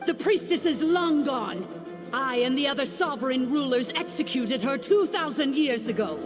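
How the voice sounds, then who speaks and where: Scornful dragon lord villain, high voice, slow and grand, big reverby game audio. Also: female voice, expressive. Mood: menacing. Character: almighty dragon lord, haughty ancient female tyrant. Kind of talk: video game voice acting. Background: game music.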